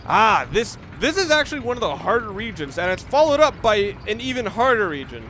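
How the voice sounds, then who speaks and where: A man offers off-the-cuff, rambling let's play commentary on a video game, explaining things and frequently correcting himself. His high-pitched voice is sing-song, bright and forceful, moving a little fast. The recording is noisy, with game ambience and gunfire behind him.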